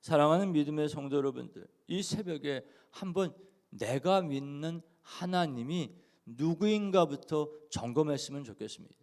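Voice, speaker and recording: A man preaching a dawn prayer sermon as pastor, swinging from soft asides to loud emphatic peaks and voicing the figures he quotes. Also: a little high, expressive, moderate pace. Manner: voices scripture figures in direct speech.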